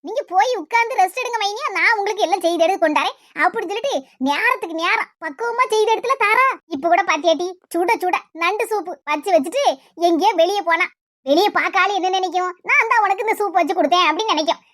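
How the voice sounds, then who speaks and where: Sly gossipy kanyakumari village mom, woman doing it, super high voice, rattles on fast. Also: a bit bright, dry recording, clean studio sound. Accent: Kanyakumari Tamil. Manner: chatty, mocking, gossipy.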